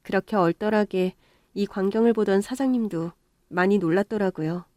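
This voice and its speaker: A woman narrating a first-person life story in a plain, gentle manner. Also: mid-range voice, normal speed, no room sound, studio quality.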